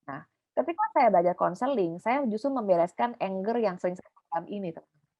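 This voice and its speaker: A woman giving an animated, emphatic talk to a youth group over a video call, teasing herself playfully. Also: medium pitch, quick pace. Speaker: youth speaker. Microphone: video call mic.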